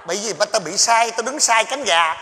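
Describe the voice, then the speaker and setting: A man's voice: high voice, lively intonation, brisk, sharp tone, long reverb tail. A joking broke old opera actor father. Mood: playful. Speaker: stage comedy actor. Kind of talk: live stage comedy.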